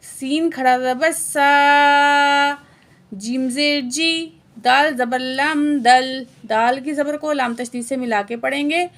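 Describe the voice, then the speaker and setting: A woman with a high voice teaches Quran recitation slowly, spelling out letters and vowel marks one at a time. She stretches each chanted word, then drops into brisk, quieter asides to answer her own questions. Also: soft background music. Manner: asks herself quiz questions and answers them in quick quiet asides.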